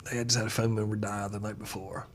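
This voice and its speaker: A man who is a pastor, telling stories in a casual chat and getting animated when he retells dialogue. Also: fairly low pitch, racing, a little hiss or hum. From United States. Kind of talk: casual conversation, storytelling.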